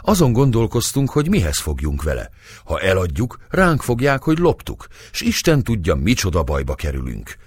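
A man's voice: on the low side, huge pitch swings, husky, no echo, heavily acted. A man reading aloud and voicing a clever young man who speaks humbly and persuasively. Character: clever young Hungarian man posing as a singer.

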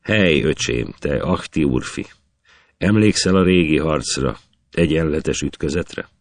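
A man's voice: rumbling low, no echo. A man voicing a talking grey falcon that addresses a hero in solemn epic verse.

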